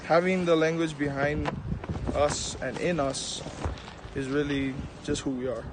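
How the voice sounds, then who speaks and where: A man speaking quietly and reflectively. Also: on the high side, level tone, a little slow, background noise.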